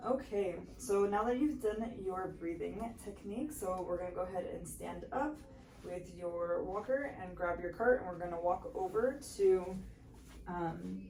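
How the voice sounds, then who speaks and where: Lower-voiced woman giving patient instructions. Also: measured pace, mellow, echoey room, far from the mic, slight background noise. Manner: encouraging, patient instructions with many fillers. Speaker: home health therapist. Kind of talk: guiding a patient through exercises. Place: home kitchen and pantry.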